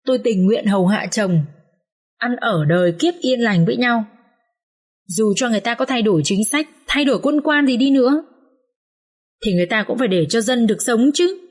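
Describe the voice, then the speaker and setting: A woman reading an audiobook story, voicing a bitter, sharp-tongued young wife who scolds her husband with contempt. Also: a little high, lightly acted.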